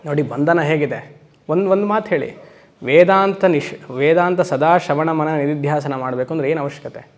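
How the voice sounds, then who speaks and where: A swami teaching Vedanta to a class. He keeps putting questions to his listeners and slows down for emphatic English phrases. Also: a little high. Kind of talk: spiritual lecture to a class. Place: lecture hall.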